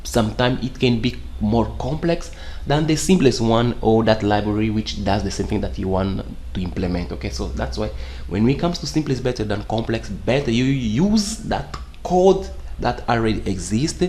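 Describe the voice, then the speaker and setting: With a little hiss or hum on the recording, a young man explains programming in English in an expressive, low, darkish voice at moderate pace. Portuguese is his first language, and his casual screen-share tutorial rambles, shows non-native grammar and repeats "okay?" frequently.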